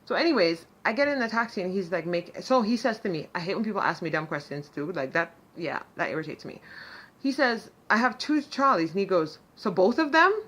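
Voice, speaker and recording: A woman speaks straight to camera in a loose, rambling storytelling style, piling up fillers as she goes. Her voice sits a little low for a woman, and she is openly sarcastic. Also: fairly quick. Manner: chatty, animated, full of fillers. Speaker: vlogger. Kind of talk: casual storytelling monologue.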